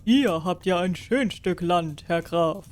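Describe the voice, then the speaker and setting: A woman voicing a stately fairy-tale king in a storybook reading, speaking with loud admiration. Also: lowish voice, slow. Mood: impressed. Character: impressed, stately old king.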